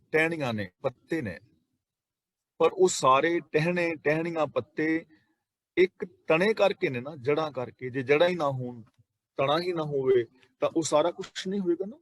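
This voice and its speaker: A man explaining scripture as a preacher, reciting verses slowly and deliberately, then explaining them. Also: a little high, no echo. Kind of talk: scripture exposition.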